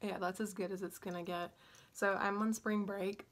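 A young beauty vlogger with a medium-pitched, steady voice talks at normal speed through a casual makeup tutorial at home, filmed on a phone on a stand about arm's length away. Drowsy and scattered after having her wisdom teeth out, she speaks with a sore, barely opened mouth.

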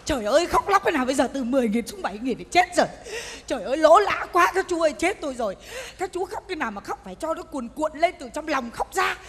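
A woman's voice: sits high, lively intonation, quick pace, hardly any pauses, a bit bright, slight background noise. Bossy woman scolding. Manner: bossy, scolding, northern speech. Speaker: stingy funeral host hiring mourners. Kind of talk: stage comedy sketch. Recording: stage recording in a reverberant hall.

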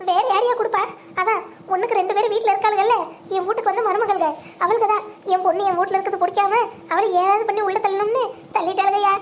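A high-voiced performer voicing an older village mother who pleads and wails for her jailed daughter. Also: fairly even intonation, fast talker, a little hiss or hum. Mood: pleading. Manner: wailing, pleading.

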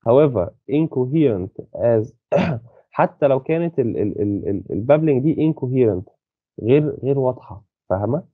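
A man with an Egyptian Arabic accent explains course material to a single student. He reads slowly, then speeds up to explain, often stalling on a word before going on. The sound is thin and phone-like, with no room echo at all. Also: medium pitch, expressive. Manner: many hesitant restarts, checks understanding. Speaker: university lecturer. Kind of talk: lecture explaining a textbook, mixing Arabic and English. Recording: dry, phone-like audio.

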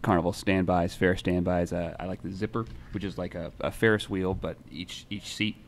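A young man with a very low voice chats casually at a desk mic in a newsroom studio. He rambles easily, full of fillers and restarts, with a faint hum underneath. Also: level tone, moderate pace. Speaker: music writer and show host. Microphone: desk microphone.

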